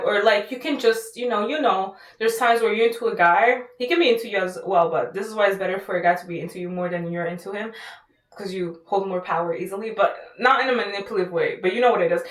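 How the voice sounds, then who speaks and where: A woman's voice: mid-range voice, far from the mic. A woman giving casual dating advice in a rambling, filler-heavy way, acting out quoted lines as she goes. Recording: echoey room, mic set back.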